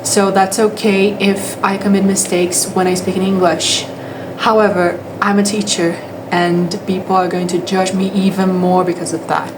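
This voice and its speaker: An English teacher, a young Brazilian woman whose native language is Portuguese, speaks English with a Brazilian accent. Her medium-pitched voice is flat and moves at a normal speed over a noisy background. The casual monologue is hesitant, packed with fillers and restarts.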